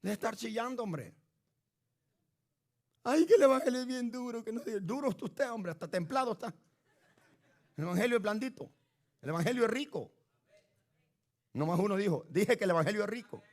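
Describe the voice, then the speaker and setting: A man preaching a fiery sermon to his church on a microphone, shouting and exhorting the congregation. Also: very high voice, animated, normal speed, long pauses. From Latin America. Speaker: pastor. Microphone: handheld microphone.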